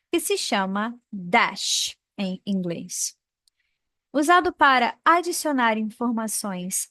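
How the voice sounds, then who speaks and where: A woman teaching English to Portuguese speakers, her voice sitting a little high. She talks very slowly and deliberately, stretching out each example. The sound is dry and close. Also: a bit bright, dry recording. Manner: slow, careful, drawing out example words. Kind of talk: explaining English punctuation in a lesson.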